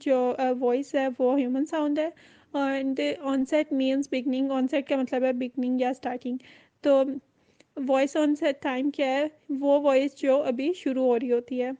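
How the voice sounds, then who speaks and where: High, even-toned woman lecturing. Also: lo-fi sound. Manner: explains in mixed Urdu and English, repeats key phrases. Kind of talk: recorded online lecture.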